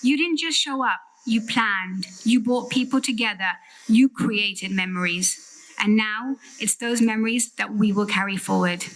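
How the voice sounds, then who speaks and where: A middle-aged woman delivering a prepared farewell speech with heartfelt, emphatic and deliberate phrasing. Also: mid-range voice, a little hiss or hum, poor audio. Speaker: sister giving a farewell eulogy.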